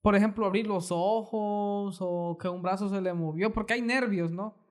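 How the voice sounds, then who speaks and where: A podcast host, chatting casually with a guest, hedging and adding quick asides. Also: medium pitch, steady tone. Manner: conversational, hedging, fast asides. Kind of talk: casual interview chat.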